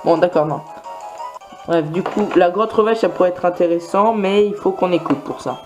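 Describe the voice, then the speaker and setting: With soft music playing behind him, a man with a high-pitched voice comments casually on a video game at normal speed. He is a let's player, and his talk rambles along with many fillers and restarts.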